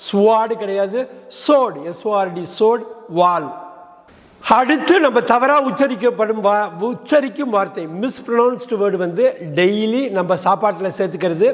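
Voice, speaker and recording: A man's voice: sits high, moderate pace. A man teaching English pronunciation, spelling words out letter by letter and asking the listener rhetorical questions. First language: Tamil. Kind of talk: explaining pronunciation. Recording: long hall reverb.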